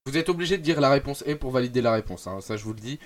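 A young man hosting a live radio show, announcing segments and running a quiz in a lively, animated way with fillers. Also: mid-range voice, rapid-fire.

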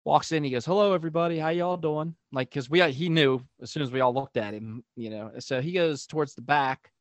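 A man's voice: mid-range voice, a little fast, no room sound. A man on a podcast telling a long, rambling anecdote, acting out quoted voices. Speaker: podcast guest. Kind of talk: casual storytelling.

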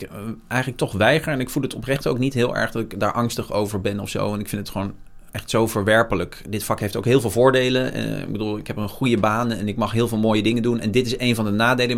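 Gravelly man in frank conversation. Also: medium pitch. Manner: frank and reflective, frequent hesitations. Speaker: news journalist. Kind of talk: candid interview conversation.

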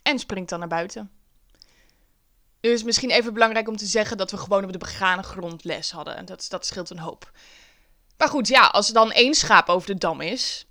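A woman who now works as a teacher, telling a personal story in a wry, lively, self-mocking way. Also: mid-range voice, brisk.

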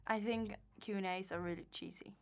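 A woman co-hosting a casual home podcast, speaking in a relaxed, questioning and casually blunt way. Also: medium pitch, a little fast, creaky. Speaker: podcast co-host. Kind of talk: casual chat.

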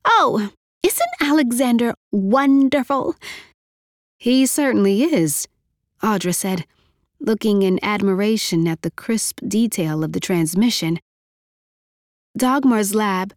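A woman reading a novel aloud as narrator, in steady, measured storytelling. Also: mid-range voice, no echo, clean studio sound. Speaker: audiobook narrator. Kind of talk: scripted narration.

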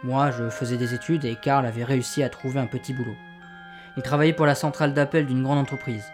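Over music, a man acts in a comedy sketch as a flustered, exasperated young insurance broker under interrogation, speaking in a confiding mood. His natural voice is medium-pitched and fairly even, and he talks fast.

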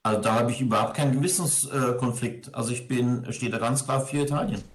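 Briskly and at medium pitch, this Ingolstadt-raised parish priest responds to an interview. He's reflective and chatty, with many hesitations along the way.

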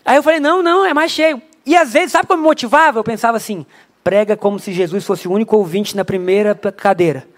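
Man, very high voice, pastor, conversational sermon, church, rhetorical asides. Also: fast talker.

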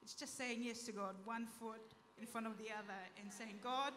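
A woman from Tonga sharing a heartfelt church testimony in a soft-spoken way. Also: on the high side, fairly even intonation, moderate pace, long reverb tail. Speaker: panel speaker at a church event. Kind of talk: testimony talk.

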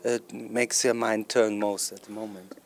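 A man's voice: fairly low pitch, flat delivery, measured pace. A man asking casual questions as an interviewer, feeling his way through the wording.

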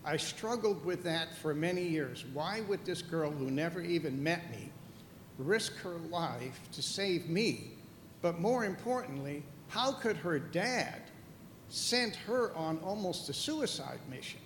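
Older guy telling his story on stage, kinda high voice, faint noise behind. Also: expressive, unhurried, fairly bright tone. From Netherlands. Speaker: guest. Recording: echoey hall with long reverb, faint noise.

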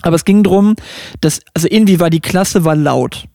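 A middle-aged man from Germany, co-hosting a casual chat podcast and telling stories with lively impressions of others. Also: a little high, fairly quick, dry recording, studio quality. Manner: animated storyteller, mimics others mid-story. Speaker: podcast co-host.

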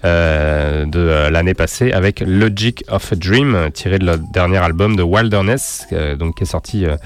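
A man with a lowish voice chats on a music radio show. He speaks hesitantly, with many filler pauses as he lists bands and shares his opinions. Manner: hesitant, many "euh" pauses, laughs easily. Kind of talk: casual radio chat presenting music.

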